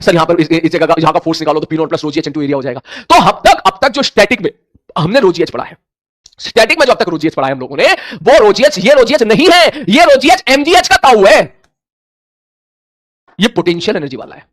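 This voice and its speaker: Animated fast-talking male physics teacher. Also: fairly high pitch, no room sound, clean studio sound. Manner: animated, acts out student questions in dialogue; mixes Hindi with English terms. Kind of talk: classroom lecture.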